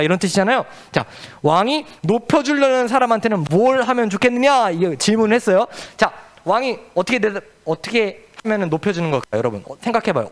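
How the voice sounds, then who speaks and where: Children's church teacher, animated storyteller, high lively voice. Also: male voice. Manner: asks the children questions, lively and playful.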